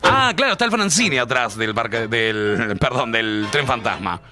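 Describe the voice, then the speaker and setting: Lively Uruguayan male radio host, bright, comic banter, faint music. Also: mid-range voice, moderate pace. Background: background music.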